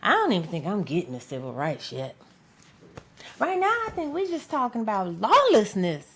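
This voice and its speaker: Woman commentator, heated and profane opinion monologue, mid-pitched voice. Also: huge pitch swings, moderate pace, fairly bright tone, husky. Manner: emphatic, profane, keeps asking "okay?". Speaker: political commentator.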